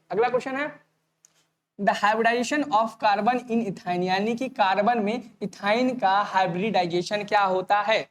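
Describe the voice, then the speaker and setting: A man teaching an online exam-prep lecture, talking fast and repeating each point as a question to the students before answering it himself. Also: high-pitched. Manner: casual, addresses students directly.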